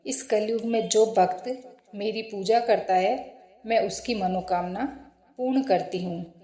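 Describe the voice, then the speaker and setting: A woman's voice: mid-range voice, slow, dark tone, lightly acted. A woman voicing a benevolent, protective mother goddess in a spoken storybook tale, proclaiming solemnly. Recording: roomy echo.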